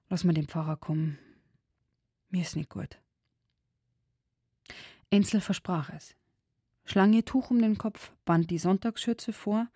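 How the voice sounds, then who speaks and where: Husky, dark-voiced woman reading a story. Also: fairly low pitch, no echo, clean studio sound. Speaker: narrator. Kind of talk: scripted audiobook narration.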